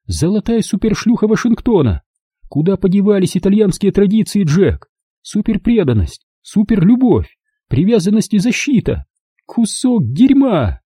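A man's voice: high voice, very animated, moderate pace, dark tone, slightly rough, no room sound, clean studio sound, pitched above the performer's own voice, heavily acted. A man reading an audiobook, voicing a proud, cold wife of a mobster who speaks in cutting, accusing lines. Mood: scornful. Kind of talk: audiobook character voice.

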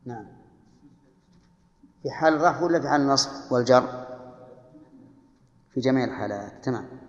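A man's voice: medium pitch, brisk. Older guy teaching grammar, asks the class then answers himself, echoey hall, muffled old recording. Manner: questions students and answers himself, recites verse. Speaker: scholar teaching Arabic grammar. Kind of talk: classroom lesson explaining verse. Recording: echoey hall, dull lo-fi archive tape.

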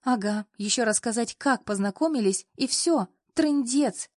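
A woman's voice: a little high, a little slow, no room sound, clean studio sound. A woman reading the lines of a young heroine who is embarrassed and complains in a whining, exclamatory way. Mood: flustered whining. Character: flustered young woman, whiny and easily embarrassed.

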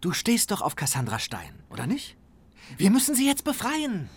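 An actor playing an eager, wheedling former colleague who begs to become a superhero's sidekick. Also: male voice, mid-range voice, huge pitch swings, normal speed, a bit bright, breathy edge, heavily acted. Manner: whiny, wheedling. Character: pushy eager ex-colleague man, wannabe sidekick. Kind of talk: radio drama acting.

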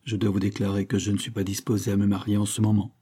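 Man reading as a resolute young woman, earnest, formal, dark husky tone, audiobook. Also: fairly low pitch, completely flat delivery, quick pace. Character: young woman, resolute, tense, refusing a suitor.

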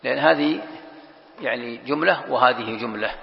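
Gravelly sheikh lecturing in echoing hall. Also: male voice, mid-range voice, moderate pace. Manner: explains patiently, repeats key phrases, quizzes students. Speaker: sheikh teaching Quran exegesis. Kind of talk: classroom lecture. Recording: lo-fi lecture recording with long hall reverb.

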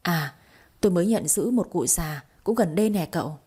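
A woman's voice: fairly low pitch, animated, normal speed, dark tone, slightly rough. A woman voicing a humble, polite older former maid in a storybook reading.

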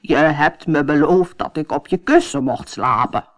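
Gentle talking frog from a storybook, slow and coaxing, done by a woman reader. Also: low voice. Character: patient, gentle male frog. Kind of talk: storybook reading.

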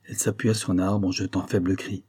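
A man giving a measured, literary audiobook narration of a classic story. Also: low-pitched, little pitch movement, mellow, breathy edge. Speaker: audiobook reader.

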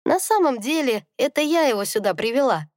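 A woman voicing a wise old she-wolf grandmother who speaks in a knowing, gently teasing way in an audiobook. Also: high-pitched, animated, fairly quick, no room sound, studio quality, voice pushed up. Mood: wry.

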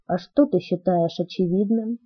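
A woman voicing a brooding, soft-spoken teenage boy in an audiobook, speaking in hushed, measured tones. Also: fairly low pitch, slightly rough, muffled recording.

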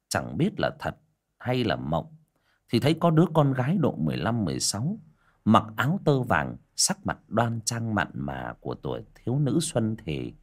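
Husky male storyteller, very lively pitch, dramatic ghost tale. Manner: expressive, swooping delivery.

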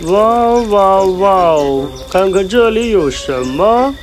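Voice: mid-range voice, animated, slow, faint music behind. An actor voicing a blunt, teasing, exasperated grasshopper who banters like a know-it-all in a children's story. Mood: amused, teasing. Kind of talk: children's audio story character acting.

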